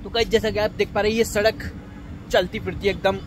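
A man in his 20s hosts a casual comedic vlog full of playful banter from an open city rooftop. His voice sits high with little pitch movement, and he talks fairly quickly. The audio comes from a phone held at arm's length and is noisy with outdoor traffic.

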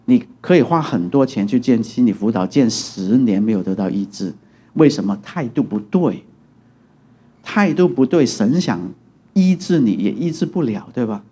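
A middle-aged man preaching a sermon as a pastor. He talks conversationally, keeps checking that the congregation agrees, and acts out quotes with sudden rises in pitch and loudness. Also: animated, normal speed, breathy edge. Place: church sanctuary.

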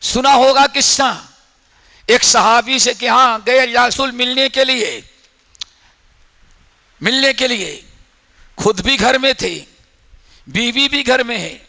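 Guy preaching in a mosque, dramatic storyteller, whispers then shouts, big echoey reverb. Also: very high-pitched, gravelly. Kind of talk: sermon.

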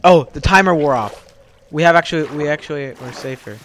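A young man in casual gaming voice chat, bossy and swearing, often shouting at his teammates. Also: fairly high pitch, a little fast. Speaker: gamer.

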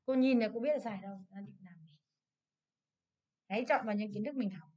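A woman English teacher with a Vietnamese accent, going through an exam in a brisk review lesson and asking many checking questions. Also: mid-range voice, warm tone, muffled recording.

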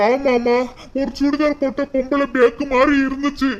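Performer doing meek old beggar man, whiny pleading, high-pitched. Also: flat delivery, moderate pace, muffled recording, natural voice. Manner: whining, pleading. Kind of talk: cartoon voice acting.

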